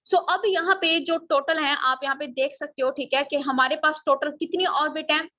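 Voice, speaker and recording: A woman's voice: high voice, steady tone, normal speed, pushed and bright, no room sound. A woman explains a plan in a casual lesson, often asking rhetorical questions and checking "okay?". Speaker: presenter explaining a marketing plan. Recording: dull, slightly lo-fi dry recording.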